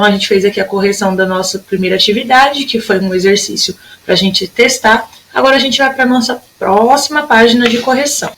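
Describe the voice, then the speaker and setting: A young adult woman with a Brazilian Portuguese accent teaching a recorded lesson to children, patient and stretching words out slowly to show them. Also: on the high side, a bit bright, rough recording. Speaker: primary school teacher.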